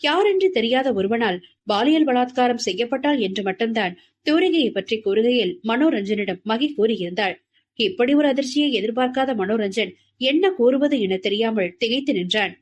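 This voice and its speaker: A woman narrating a romance audio novel in an even storytelling manner. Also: fairly high pitch, moderate pace. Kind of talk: scripted narration.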